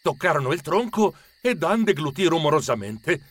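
A man narrating a children's story with expressive storytelling. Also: fairly high pitch, normal speed.

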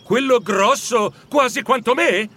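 A man's voice: very high voice, unhurried, bright, forceful tone, slightly rough, voice pushed up, heavily acted. A man doing a cheeky young lad. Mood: surprised. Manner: blunt, incredulous. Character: cheeky young errand boy, surprised.

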